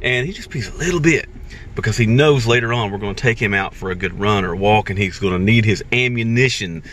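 A man's voice: on the low side, brisk, a bit bright, slight background noise. Chatty middle-aged man vlogging. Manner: chatty, explains to the camera. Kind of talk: casual vlog talk. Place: inside a car and outdoors. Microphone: handheld camera at arm's length.

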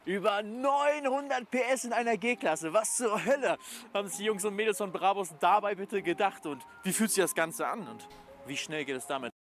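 High-voiced car show presenter, man. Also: moderate pace, fairly bright tone, faint music behind. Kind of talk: presenting and interviewing.

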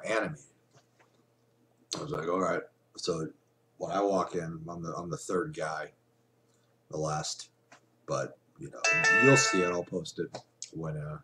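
Low-voiced man rambling into a webcam. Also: slight background noise. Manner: rambling, chatty, many fillers and restarts. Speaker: vlogger. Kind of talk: casual webcam vlog. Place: small room indoors at home. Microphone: webcam at desk.

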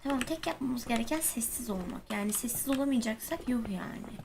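Young woman streamer, high voice, skittish and foul-mouthed, noisy recording. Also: lively intonation, fairly quick, vocal fry. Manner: jumpy, swears and shouts when scared. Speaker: gaming streamer. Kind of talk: casual let's-play chat. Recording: noisy gaming stream audio.

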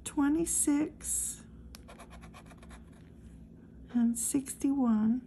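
Slow, gravelly woman reading numbers. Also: high voice, slight background noise. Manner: slow, steady number-by-number commentary. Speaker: lottery scratch-off channel host. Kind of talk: casual narration reading numbers.

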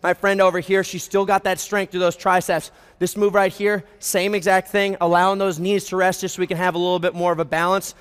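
A young American man with a high, clear voice leads a workout like a hyped gym bro. He fires out motivational cues and countdowns while working hard himself, his voice ringing through a big reverberant hall. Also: little pitch movement, brisk, hardly any pauses. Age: 20s. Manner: exerting himself while talking. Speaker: fitness instructor leading a group workout. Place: large brick warehouse gym, indoors. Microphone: headset.

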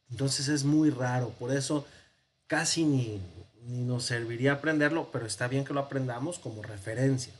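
With a Mexican Spanish accent, a man of medium pitch teaches a Hebrew grammar lesson, explaining patiently, using fillers, and checking in with his class often. A slight hiss or hum runs under the recording.

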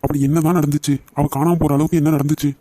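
A man voicing a hot-headed, loyal young man in an animated story, talking fast and emphatically. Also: a little high, natural voice. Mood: anxious.

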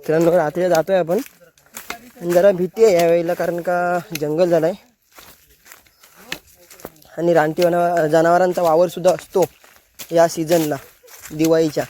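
A man's voice: fairly high pitch, level tone, normal speed, long pauses, dark tone, a little hiss or hum. A man chatting casually to his viewers as he walks through a forest and along a river. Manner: chatty, repeats himself, addresses viewers as friends. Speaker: vlogger. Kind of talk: casual outdoor vlog narration. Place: forest and riverside outdoors at dusk.

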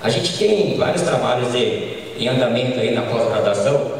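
A middle-aged Brazilian man giving an informal conference lecture on a handheld microphone, often ending points with quick tag questions. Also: mid-range voice, animated. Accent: Brazilian Portuguese. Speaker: agronomist lecturer. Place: large conference hall. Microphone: handheld mic, filmed from far. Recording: echoey hall from far off.

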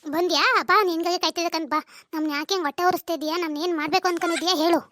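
A voice artist playing an angry young village wife, whose shrill, accusing voice is raised by a cartoon pitch effect. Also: steady tone, racing, pushed and bright. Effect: sped-up, high-pitched cartoon voice effect. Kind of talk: comic cartoon dialogue.

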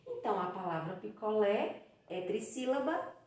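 A woman with a Brazilian Portuguese accent teaching a children's lesson, counting out syllables slowly in a sing-song way. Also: mid-range voice, sing-song, darkish tone. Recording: very echoey room, from far off the mic.

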